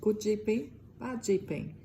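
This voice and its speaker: A woman's voice: mid-range voice, measured pace, dark tone, a little hiss or hum, poor audio. A middle-aged woman from Croatia with a Croatian accent speaks earnestly to camera as an energy healer, in loosely phrased English. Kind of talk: direct-to-camera self-promotion.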